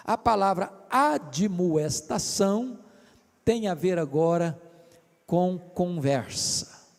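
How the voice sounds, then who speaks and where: An older Brazilian man preaching a sermon with a Brazilian Portuguese accent, swinging between shouting and speaking softly. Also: sits high. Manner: impassioned, swings from shouting to soft. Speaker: pastor. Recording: hall reverb.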